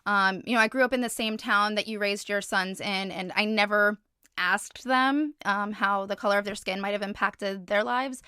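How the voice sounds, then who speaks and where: Woman interviewer, bright and crisp voice, earnest careful questions. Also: medium pitch, fairly even intonation, normal speed, no echo, studio quality. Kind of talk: candid sit-down interview.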